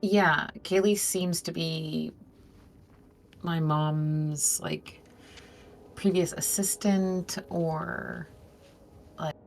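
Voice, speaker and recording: A woman's voice: low voice, fairly even intonation, drawn-out words, pauses often. A woman chatting casually as a player at a tabletop game. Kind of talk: casual chat. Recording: faint background noise.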